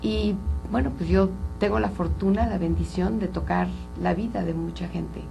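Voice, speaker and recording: A woman's voice: mid-range voice, normal speed, creaky, mellow, soft background music, low-quality recording. A woman from Colombia, a psychologist speaking earnestly and openly as an interview guest. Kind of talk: candid interview talk.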